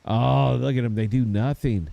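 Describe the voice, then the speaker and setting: Dark-voiced man streaming a game. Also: medium pitch, steady tone, normal speed, creaky, no room sound. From United States. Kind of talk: casual gameplay commentary.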